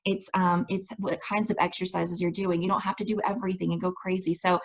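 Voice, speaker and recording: A woman's voice: lowish voice, flat delivery, fairly quick, poor audio. A woman hosting a podcast interview, talking with effusive enthusiasm in a casual chat. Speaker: podcast host.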